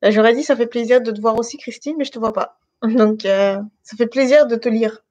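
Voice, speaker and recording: A woman's voice: fairly high pitch, a little fast, a little mellow, dry recording, lo-fi sound. A woman born in France to Guinean parents, speaking casually and with many hesitations while she gives a faith testimony and leads a prayer over an online call from her living room. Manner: hesitant, many fillers and restarts. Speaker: guest giving a faith testimony.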